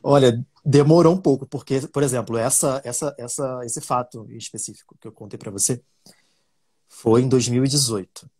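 Husky-voiced man telling a story. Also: medium pitch, moderate pace. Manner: animated storytelling with many fillers and restarts. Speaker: interview guest, producer. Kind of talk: casual interview talk.

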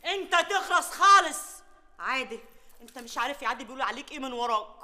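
A sharp-tongued, scolding housewife. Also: female voice, high voice, animated, racing, heavily acted. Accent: Egyptian. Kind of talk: sitcom acting.

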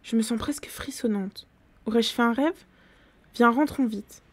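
A woman's voice: a little high, measured pace. A woman reading as a languid vampire girl. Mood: weary. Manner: languid, murmuring.

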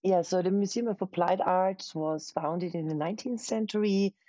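A woman's voice: fairly low pitch, dark tone, no echo, highs cut off. A woman from Austria, a museum curator, answering interview questions thoughtfully from her living room over a video call. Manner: thoughtful, pauses with fillers. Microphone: webcam on a video call.

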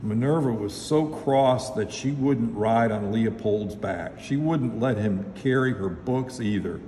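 A man reading a children's picture book aloud with lively, expressive storytelling. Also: lowish voice, a little slow. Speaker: storybook reader, local official. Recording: echoey hall, faint noise.

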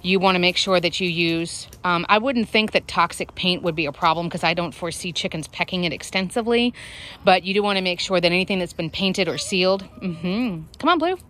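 Out in the chicken run, a chatty woman with her kids films her flock by phone, describing how everything was built and calling the hens in a high sing-song. Her tone is fairly bright, and there's slight noise in the background.

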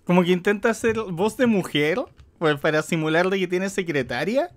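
A man's voice: high voice, normal speed. A man streaming casual live commentary as he reacts to a film.

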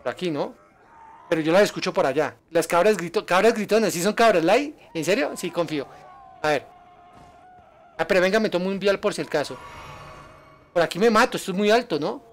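Excitable high-voiced gamer man. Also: a little fast, pauses often. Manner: excitable, yelps and laughs at danger, chats with viewers. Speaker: gaming streamer. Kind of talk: live gameplay commentary.

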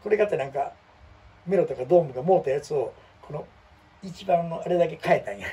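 A man's voice: a little high, fast talker, breathy edge, far from the mic. A man with a Kansai accent chatting casually and animatedly, poking fun at himself as he talks through his things. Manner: chatty, animated, self-mocking. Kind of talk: casual chat.

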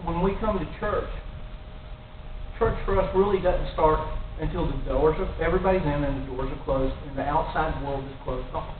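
A middle-aged lay preacher speaks at normal speed in a slightly high voice, delivering an earnest sermon into a stand mic near his mouth in a small church room before a cross. His sermon builds toward emphatic warnings. The audio sounds tinny, echoey and distant, with faint hiss.

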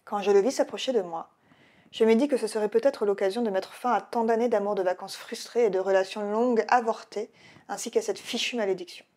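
A woman author reading her own novel aloud in a lively storytelling way. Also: mid-range voice, brisk. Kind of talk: audiobook reading.

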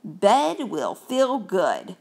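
A woman's voice: mid-range voice, huge pitch swings, extremely slow, vocal fry, a little mellow, heavily acted. A woman reading aloud, voicing a fussy, complaining male mouse in a picture-book story.

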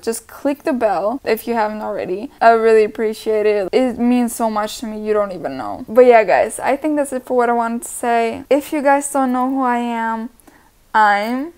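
Young woman reaction host: loose, swearing, self-mocking chatter; fairly high voice with a gravelly fry. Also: a little mellow. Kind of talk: casual reaction vlog.

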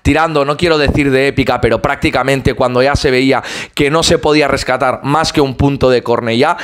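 A man hosting his fan channel, giving a fluent, opinionated match recap and analysis as a voice-over, with occasional "eh" pauses. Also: mid-range voice, steady tone, a bit bright, slight background noise.

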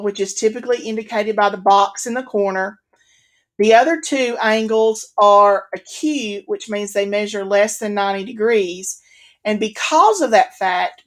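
Patient higher-voiced woman teaching math. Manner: patient, repeats key points, uses "okay" and "um". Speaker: math instructor. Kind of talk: recorded video lecture.

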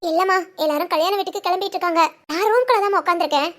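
Young cartoon wife, pregnant and put-upon, woman voicing, very high, quick, earnest pleading. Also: fairly bright tone. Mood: anxious. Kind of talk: cartoon family drama phone call.

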